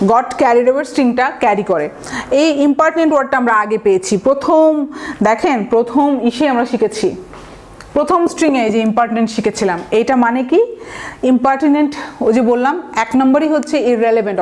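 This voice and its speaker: A woman's voice: sits high, a little mellow, a little hiss or hum. A woman teaching vocabulary in a recorded online lesson, explaining words step by step and often checking understanding with tag questions. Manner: explains words step by step, mixing in English terms.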